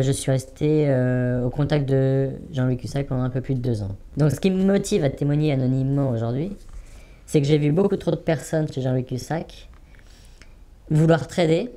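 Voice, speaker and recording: An anonymous man in his forties, a former trading student, gives interview testimony, hesitating, using many fillers and repeating words for emphasis. His voice is mid-range with a dark tone.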